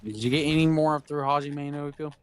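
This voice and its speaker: A man's voice: a little high, fairly quick. Laid-back swearing guy, laughing often. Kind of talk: casual chat while gaming. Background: game music.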